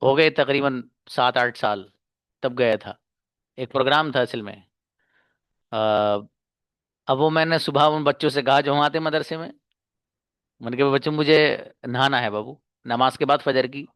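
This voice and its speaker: A man with an Indian accent teaching an online English class, telling stories and coaxing his students in a relaxed way. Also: medium pitch, measured pace, long pauses, no echo, clean studio sound. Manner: relaxed storytelling, coaxing and encouraging, mixes English into Hindi. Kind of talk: casual Hindi class talk with English drills.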